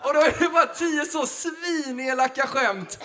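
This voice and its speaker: A man, a comedian, telling a story in an animated way, laughing and acting out the people he quotes. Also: very high voice, noisy background.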